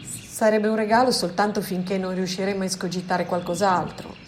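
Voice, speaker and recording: A woman's voice: mid-range voice, fairly even intonation, fairly quick, slight background noise, close to an everyday voice. Woman reading as an anxious, insistent man. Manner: pleading, insistent questions. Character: pleading, insistent young man, anxious and stubborn.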